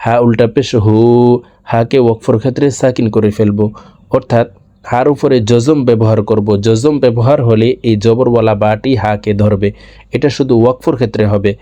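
Man, Quran reading teacher, Bangladeshi Bengali accent, patient letter-by-letter spelling, mellow tone. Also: mid-range voice, steady tone, moderate pace. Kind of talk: spelling-out recitation lesson.

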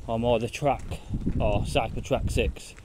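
A man's voice: medium pitch, steady tone, measured pace, very noisy. A man, talking casually and rambling as he walks a countryside footpath filming on his phone. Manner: rambling, matter-of-fact, swears casually. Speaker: paranormal explorer vlogger. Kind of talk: casual walking vlog commentary. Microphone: phone held at arm's length.

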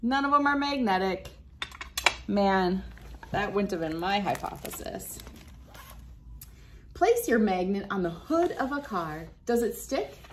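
She speaks in a mid-range voice that is very animated, at a measured pace with frequent pauses, and a little hiss or hum can be heard. A woman in her thirties, she reads a science book aloud and demonstrates for kids, addressing young viewers warmly and with encouragement. The device camera sits roughly arm's length away in a small wood-panelled room by a window.

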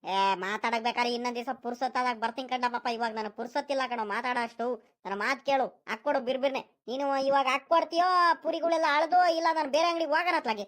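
A woman's voice: a little high, close to an everyday voice. A woman voicing a stingy, fussy old village grandfather in a cartoon, nagging and haggling, with a rural Karnataka Kannada accent. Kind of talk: cartoon voice acting.

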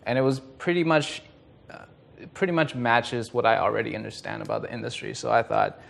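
A young man from China giving a relaxed student testimonial, telling his story with fillers. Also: medium pitch, fairly quick, vocal fry. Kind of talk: casual testimonial. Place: indoor studio.

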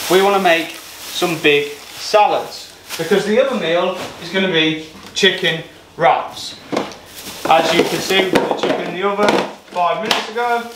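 Chatty young man in an echoey kitchen. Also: sits high. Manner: chatty, upbeat, talking to camera while cooking. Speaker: fitness vlogger. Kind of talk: casual how-to vlog. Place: small home kitchen. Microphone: camera mic from across the room. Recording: echoey kitchen with clear background noise.

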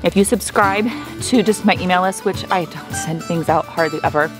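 A woman's voice: on the low side, normal speed, music in the background. A woman chatting enthusiastically to her viewers while she cooks at home and over an outdoor fire. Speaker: homestead vlogger. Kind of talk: casual cooking vlog chat.

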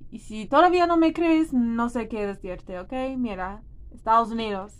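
Against a noisy background, the woman speaks at normal speed with a voice on the high side. In her thirties and from New Jersey, she's a native English-speaking vlogger with an American accent, casually and expressively addressing the camera in a small room.

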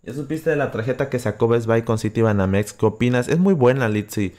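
A man's voice: medium pitch, fairly quick, darkish tone. A young man from Acapulco with a coastal Guerrero Mexican accent, chatting casually on a livestream with many fillers and restarts, close to the microphone. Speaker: livestream host answering chat.

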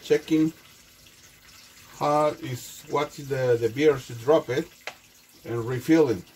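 A home cook speaks in a medium-pitched, darkish voice during a casual cooking demo in his small indoor kitchen. His non-native English is halting and full of restarts. The camera mic sits across the room, picking up a clear kitchen hum in a rough recording.

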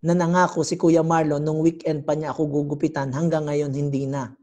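A woman preaching a sermon. She is animated and teasing, and keeps quizzing the congregation. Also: low-pitched, fairly quick. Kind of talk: sermon teaching.

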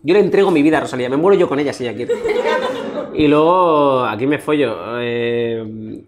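A man's voice: mid-range voice, fairly quick. A tipsy man from Spain with a Spanish accent, a guest comedian rambling and giggling on a live show. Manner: rambling, giggly, self-mocking. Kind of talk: casual chat on a comedy show. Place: live show before an audience. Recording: crowd noise around the voice. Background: audience crowd.

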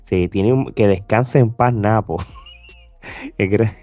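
A mellow man hosts a casual reaction podcast over a remote video call from an indoor room, using a close desk podcast mic and headphones. His voice is on the low side and slow, the highs are cut off, and soft music plays in the background.

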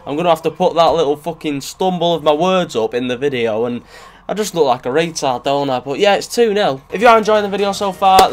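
A young man commentating his football video game in an excitable, jokey way, swearing often and breaking into sudden shouts. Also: on the high side. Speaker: gaming youtuber.

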